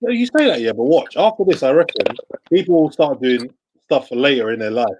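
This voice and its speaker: A young man with an urban London roadman accent, hosting a casual podcast in an animated, slangy way. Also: medium pitch, a little fast, slight background noise. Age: young adult. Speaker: podcast host. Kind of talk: casual group banter and hosting. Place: indoors at home, on a laptop video call.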